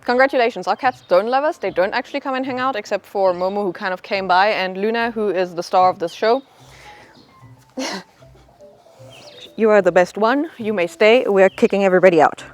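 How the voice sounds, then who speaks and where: A woman's voice: mid-range voice, fairly quick, long pauses, soft background music. A woman raised in France who co-hosts a cat vlog, chatting casually and laughing often. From born in Germany, raised in France. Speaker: cat channel co-host. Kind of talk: casual chat.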